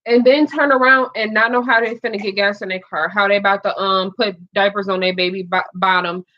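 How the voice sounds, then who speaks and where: A woman's voice: medium pitch, fairly even intonation, fairly quick. A woman co-hosting a casual chat, frank and opinionated, with many fillers. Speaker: co-host. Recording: dull lo-fi sound.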